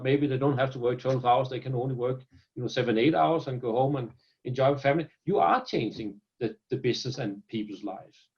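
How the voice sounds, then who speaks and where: A man from Denmark, a company founder, gives an earnest business interview over video call in a mid-range voice with a Danish accent. The recording is muffled, and he keeps repeating words as he starts over.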